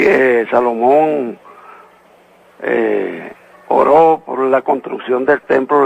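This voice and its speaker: A man's voice: medium pitch, vocal fry, breathy edge, highs cut off. A man from Venezuela calling in over the phone to a live radio show, earnestly citing scripture verse by verse. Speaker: caller asking a Bible question.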